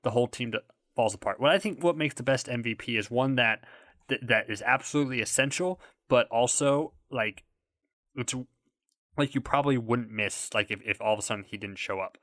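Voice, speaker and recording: An enthusiastic man co-hosting a casual podcast. His voice is bright, and the recording is dry and close. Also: medium pitch, a little fast, no echo. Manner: enthusiastic, laughs easily. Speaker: podcast co-host.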